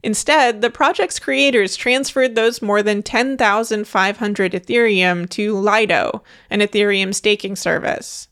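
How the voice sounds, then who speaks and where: A woman's voice: mid-range voice, fairly even intonation, measured pace, hardly any pauses, fairly bright tone, clear, resonant tone. A woman reading her own tech newsletter aloud in a scripted, wry, dry manner.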